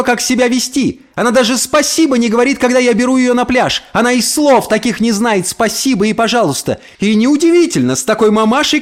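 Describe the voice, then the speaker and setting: A man voicing a hysterical middle-aged mother who shouts in a shrill, trembling voice.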